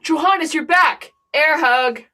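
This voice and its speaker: A woman's voice: mid-range voice, sing-song, brisk, fairly bright tone. A woman playing a melodramatic, doting and rash king in a broad stage comedy. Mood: doting, eager. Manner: exclamatory, theatrical.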